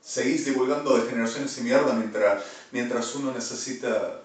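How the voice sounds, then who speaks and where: Argentine man, rambling solo monologue, erratic swings from mutter to shout; distant mic, heavy room echo. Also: medium pitch, steady tone, moderate pace. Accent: Argentine Spanish. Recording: very echoey room, far from the mic.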